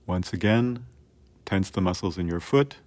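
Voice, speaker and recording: Deep-voiced man, slow guided relaxation. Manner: calm, soothing, measured with long pauses. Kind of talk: scripted guided muscle relaxation.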